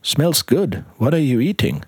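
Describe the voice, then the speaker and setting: A man's voice: mid-range voice, huge pitch swings, measured pace, breathy edge, no echo, clean studio sound, voice pushed up, exaggerated voice. A man reading aloud, voicing an idle, curious hunchbacked tea-shop regular. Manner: casual, curious.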